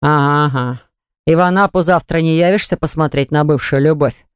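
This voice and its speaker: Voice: medium pitch, a little fast, clear, resonant tone, no room sound, studio quality, lightly acted. A narrator putting on a smug sneering man. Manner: gloating, sneering, shouting when pinned. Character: smug, scornful man, quick to rage.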